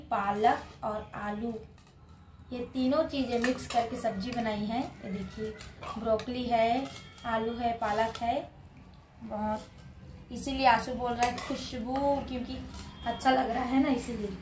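A woman's voice: on the high side, fairly even intonation, unhurried, noisy background. A woman in her twenties chatting casually as a home vlogger, showing viewers around. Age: 20s. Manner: chatty, shows things to viewers. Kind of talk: casual home vlog chat. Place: home kitchen and rooftop.

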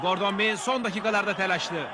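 A man narrating football match highlights as the commentator. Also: brisk. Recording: loud crowd noise behind, noisy outdoor audio. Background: stadium crowd.

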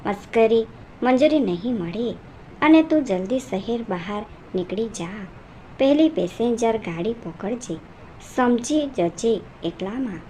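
A woman's voice: fairly high pitch, lively intonation, unhurried, mellow, a little hiss or hum. A woman reading the lines of a fierce, bullying male police officer in a storybook narration, scolding and contemptuous. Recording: narration over music.

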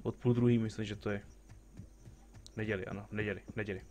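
A man's voice: fairly low pitch, flat delivery. A man streaming a game, chatting casually, joking with the characters on screen and greeting viewers as they arrive. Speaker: live streamer playing a game. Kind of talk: casual gameplay commentary.

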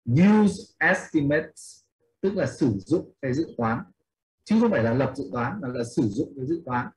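A man's voice: medium pitch, lively intonation, brisk, a little mellow, poor audio. A man teaching an English class in Vietnamese, explaining a reading step by step and questioning his students as he goes. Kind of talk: online class instruction.

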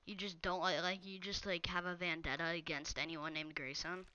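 A woman's voice: lowish voice, flat delivery, moderate pace, bright, forceful tone, highs cut off, a little hiss or hum. A young woman live-streaming a game, chatting casually and teasing viewers as she reads their messages. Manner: teasing, talks straight to viewers reading chat. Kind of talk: casual live-stream chat while gaming.

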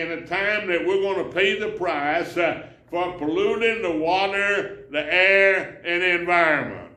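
An older pastor sits in a church sanctuary preaching a sermon, reading scripture and gesturing with his hands. His voice is high, bright and forceful. A distant camera captures him, so the sound is far off with roomy church echo.

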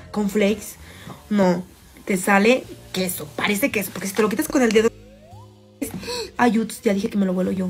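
A young woman with a Mexican accent tells stories to her viewers in a blunt, chatty vlog style, with no filter and plenty of crude slang. Her voice sits a little high for a woman, and faint music plays behind her. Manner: frank, crude, chatty storytelling. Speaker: vlogger. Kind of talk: casual chat to viewers.

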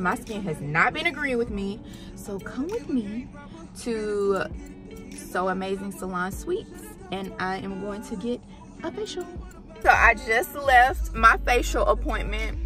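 A young woman chatting to her phone camera in a parked car, casual and expressive with slangy asides. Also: medium pitch. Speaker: lifestyle vlogger. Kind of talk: casual vlog narration. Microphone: phone camera at arm's length.

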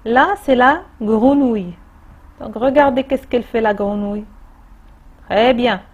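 A woman teacher with a Moroccan French accent, explaining a distance-learning grammar lesson slowly and patiently, repeating key points. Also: fairly high pitch, lo-fi sound. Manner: slow, patient explaining with repetitions. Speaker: primary school teacher.

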